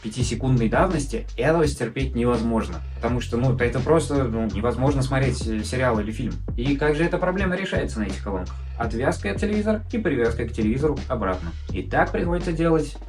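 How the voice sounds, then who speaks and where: A man with a mid-pitched voice talks casually through a tech review, with faint music behind him. His wording is colloquial and full of complaint, like someone venting to viewers. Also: animated, fast, few pauses, a little mellow. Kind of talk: casual spoken product review.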